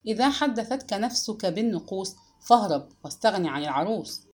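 A woman's voice: mid-range voice, expressive, brisk, darkish tone, lightly acted. Woman doing a stern, mocking older brother. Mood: teasing. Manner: firm, scolding.

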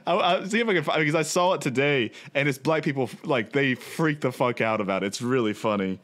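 A man's voice: mid-range voice, brisk, fairly bright tone. Cohost guy, mid voice, says like a ton, jokey and chill. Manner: filler-heavy, laughing, lots of "like". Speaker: podcast co-host. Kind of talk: casual chat.

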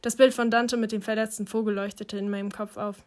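A woman reading a first-person novel aloud in a quiet, subdued way. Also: medium pitch, flat delivery, fast talker. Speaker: audiobook reader.

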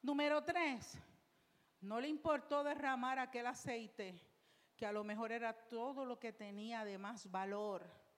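A woman's voice: fairly high pitch, measured pace, in a large hall. A woman pastor preaching a sermon in church, emphatic and repetitive, with rhetorical questions.

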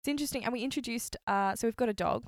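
A woman's voice: fairly high pitch, rapid-fire, no echo, studio quality. A woman co-hosting a podcast in casual chat, bubbly and enthusiastic with frequent giggles. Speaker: podcast co-host.

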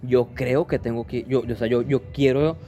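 Slangy man, halting restarts. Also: mid-range voice, fairly even intonation, dark tone, highs cut off. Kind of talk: casual chat.

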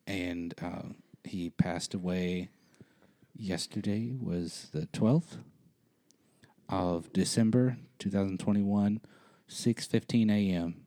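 A man's voice: low voice, takes it slowly, dark tone. A man co-hosting a podcast in casual chat, laid-back, with many fillers and casual swearing. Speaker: podcast co-host.

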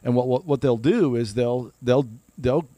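A man's voice: medium pitch, moderate pace, warm tone, no echo. A man from Ohio, co-hosting a casual ministry podcast and talking earnestly, often repeating words while he builds a point. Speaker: podcast co-host.

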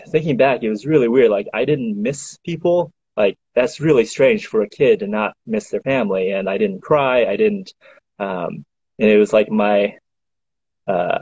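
A man in his thirties, born in China and raised in the US, telling his story as a podcast guest in a candid, relaxed way over a video call. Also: fairly low pitch, slightly rough, dry recording. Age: 30s. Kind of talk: casual interview chat. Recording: dull lo-fi video call audio.

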